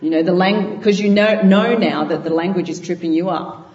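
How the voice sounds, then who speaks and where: A yoga teacher speaks to a class in a studio, unhurried and explaining with frequent laughter. The voice sits in the middle range and comes from far across an echoey room, with a dull, muffled recording and a long reverb tail. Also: medium pitch, a little mellow. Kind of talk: talk to a live class. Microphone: far from the mic.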